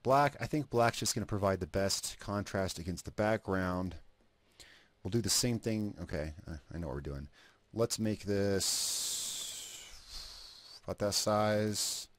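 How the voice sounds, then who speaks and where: Here a video creator talks through his editing session at normal speed, his low voice full of lively intonation, recorded dry. With a cigarette between his lips, he muses aloud, drops sentences and starts over, cursing offhandedly in casual screen-capture chatter.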